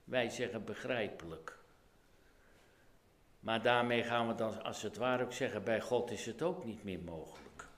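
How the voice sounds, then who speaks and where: A man's voice: lowish voice, unhurried, fairly bright tone. A Dutch-accented man preaching a sermon as pastor, earnest and pleading, his voice rising to urgent calls.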